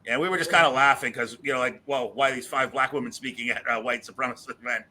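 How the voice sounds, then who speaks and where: A man from the Boston area sits for an interview and recounts his experiences in an easy, frank and chatty way. His voice has a bright, forceful edge, and he chuckles now and then as he tells stories. His pitch sits in an ordinary middle range. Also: steady tone, quick pace, low-quality recording. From Boston area, USA. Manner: frank, chatty, laughs through anecdotes. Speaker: interview guest. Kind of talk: casual conversational storytelling.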